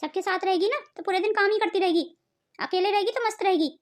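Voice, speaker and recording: A woman's voice: extremely high pitch, fast talker. A woman voicing a scheming, meddling mother in a cartoon, coaxing in a conspiratorial way. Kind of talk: melodramatic cartoon voice acting.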